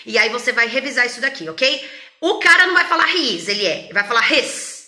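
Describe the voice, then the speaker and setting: Brazilian woman English teacher, playful and animated, bright voice, slightly high, echoey room. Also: quick pace. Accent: Brazilian Portuguese. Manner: animated and playful, switches between Portuguese and English examples. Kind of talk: lively private-lesson style teaching.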